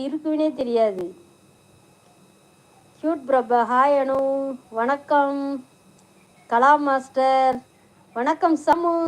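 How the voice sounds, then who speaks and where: A middle-aged woman hosting a casual live stream, chatting warmly with viewers, reading out their comments and mixing in English words. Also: high-pitched, poor audio.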